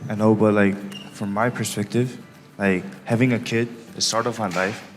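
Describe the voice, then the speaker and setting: A man's voice: lowish voice, fairly even intonation, moderate pace. A young man from South Korea speaking English as a student, hesitant and full of "like". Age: young adult. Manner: hesitant, fills with "like". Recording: reverberant lecture hall with background music.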